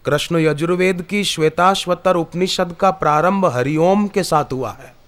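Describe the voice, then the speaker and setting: Higher-voiced male preacher giving a discourse. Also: unhurried, a bit bright. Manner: storytelling with scriptural quotes, rising emphatic delivery. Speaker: spiritual preacher. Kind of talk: Hindi satsang discourse. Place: discourse hall before an audience.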